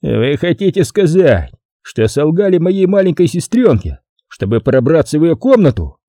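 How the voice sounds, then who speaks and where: A man's voice: a little high, sing-song, normal speed, gravelly, mellow, no echo, clean studio sound, pitched above the performer's own voice, exaggerated voice. Man doing a growling brute of a man. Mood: belligerent. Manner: growling, belligerent. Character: huge brutish young man, jealous and hostile.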